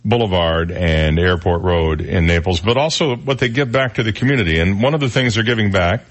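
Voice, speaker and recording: A man's voice: low-pitched, brisk. A man hosting a radio talk show, telling rambling self-deprecating stories. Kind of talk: casual chat on radio. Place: radio studio.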